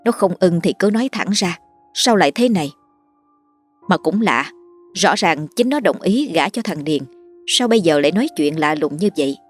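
Low-voiced woman telling ghost stories. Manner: polite, measured storytelling. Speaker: storyteller host. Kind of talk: late-night ghost story narration. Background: faint background music.

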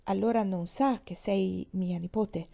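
A woman's voice: mid-range voice, fairly even intonation, unhurried, vocal fry, dark tone. A woman reading aloud, voicing a stern, rigid older aunt who speaks in a severe, clipped way. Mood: hesitant.

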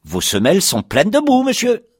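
Nagging talking door, performed by a man: prim, shrill, dry close sound. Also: wildly swooping pitch, normal speed, breathy edge, no echo, full character voice. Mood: scolding. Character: scolding talking front door, prim and fussy.

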